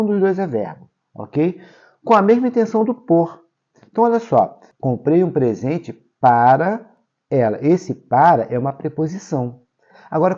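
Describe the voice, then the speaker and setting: A Brazilian man teaching a grammar lesson for exam preparation, explaining step by step and checking in often with "tá?" and "ok?", stressing key words with sudden jumps in pitch and loudness. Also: dull audio. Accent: Brazilian Portuguese.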